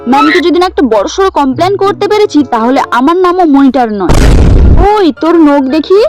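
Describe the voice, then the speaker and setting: A woman's voice: high-pitched, expressive, brisk. A woman acting out a bossy class monitor in a comic sketch, scolding and threatening classmates. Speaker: comedy sketch creator. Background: music.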